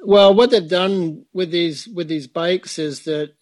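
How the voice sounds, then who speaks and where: A man's voice: high-pitched, slow pace, darkish tone, no room sound. A middle-aged man, a frame-building teacher, explaining his work thoughtfully in a conversational interview, with hesitant restarts.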